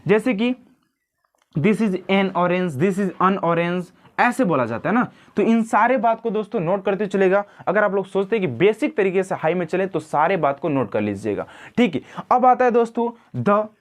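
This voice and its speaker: Repetitive grammar teacher. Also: male voice, sits high, lively intonation. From India. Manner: repetitive, drills words slowly, addresses viewers as friends. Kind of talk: classroom-style lesson.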